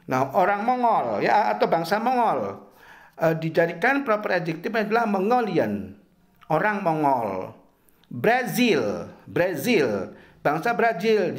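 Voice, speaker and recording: A middle-aged man teaches a university grammar class at an unhurried pace, his pitch swinging up and down as he drills each example. He repeats words patiently, one at a time. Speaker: English lecturer. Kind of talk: university English grammar lesson.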